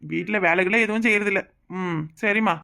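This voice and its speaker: A woman's voice: medium pitch, normal speed, gravelly, pushed and bright. A woman playing a grumbling village husband. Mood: dismissive. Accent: Kanyakumari Tamil. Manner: defensive, exasperated. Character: grumbling village husband, middle-aged man. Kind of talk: cartoon voice acting.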